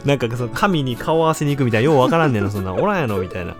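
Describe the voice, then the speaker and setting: Young Kansai-accented man, podcast co-host, expressive swings in pitch, self-deprecating, faint music bed. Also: very fast. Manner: animated, laughs often, self-deprecating. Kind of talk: casual chat.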